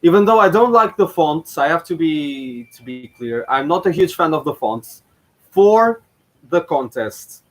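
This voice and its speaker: A man's voice: fairly high pitch, expressive, a little slow, low-quality recording. Hesitant man rambling in reaction commentary. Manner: hesitant, frequent fillers and restarts. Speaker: channel host reacting to a past contest.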